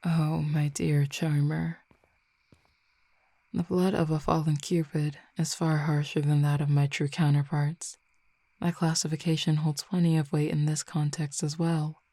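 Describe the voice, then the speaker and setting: This audio roleplay features a woman as a fallen Cupid, inhuman, domineering and teasing. Her voice is low, dark and gravelly, delivered flatly with little variation, and she speaks at a slow, measured pace right up close, often sinking to soft whispers. The recording is dry.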